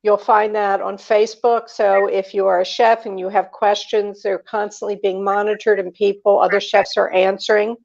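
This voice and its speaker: An older woman hosting a food show, interviewing a guest and reading plugs and announcements in a slow, deliberate way. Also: medium pitch, little pitch movement, gravelly, a little mellow, muffled recording. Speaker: radio host.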